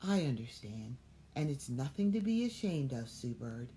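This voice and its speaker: A woman's voice: sing-song, moderate pace, mellow, slight background noise. A woman voicing a worried, protective mother bird in a children's story, coaxing and urgent. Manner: urgent and coaxing, rising to shrill cries.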